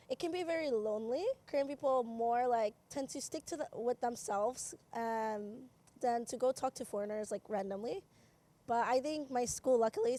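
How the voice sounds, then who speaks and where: Young woman from New York, mellow. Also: on the high side. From United States, New York. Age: young adult. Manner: relaxed, fills with "like". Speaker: university student in Korea. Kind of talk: street interview answer.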